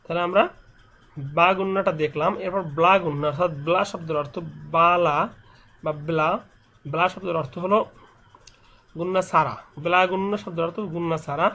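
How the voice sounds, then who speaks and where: A man's voice: fairly high pitch, steady tone, fairly quick, pauses often, bright, forceful tone, slight background noise. A man teaching Quran recitation rules step by step. He patiently repeats each letter and draws out the nasal sounds to demonstrate them.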